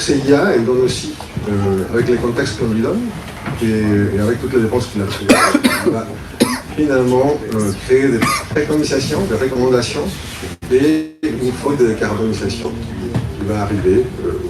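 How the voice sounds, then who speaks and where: A man from Mexico, a startup founder, giving a conference pitch talk and explaining his idea in a casual, thinking-aloud way. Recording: roomy, distant mic, audible room noise.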